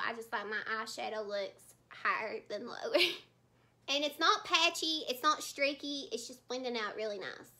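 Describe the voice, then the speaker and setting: High, bright-voiced chatty woman vlogger. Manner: chatty and heartfelt, many fillers and restarts. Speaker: beauty vlogger. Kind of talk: casual chat while doing makeup.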